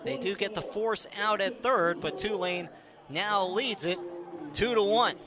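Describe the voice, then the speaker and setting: A man with a high voice calls a live baseball game on the radio as the play-by-play announcer, using clipped, descriptive phrases. He speaks at a measured pace, and crowd noise can be heard in the background.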